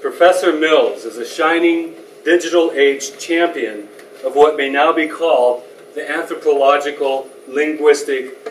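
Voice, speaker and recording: A man's voice: on the high side, a little slow, a little hiss or hum. Man giving a formal introduction in an echoey hall. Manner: formal, reads prepared remarks. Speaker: introducer of a speaker. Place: lecture hall. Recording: echoey hall, mic from a distance.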